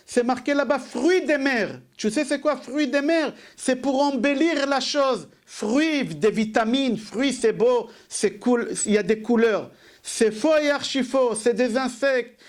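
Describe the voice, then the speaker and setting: A rabbi delivers a sermon in a very high male voice, posing rhetorical questions and then answering them himself. He repeats key phrases to drive his points home.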